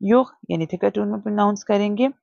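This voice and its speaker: A woman teaching Quran reading, drawing out each syllable slowly for practice, then explaining the rules quickly and dropping English phrases into her talk. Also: mid-range voice, vocal fry, dry recording, dull audio. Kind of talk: recorded reading lesson.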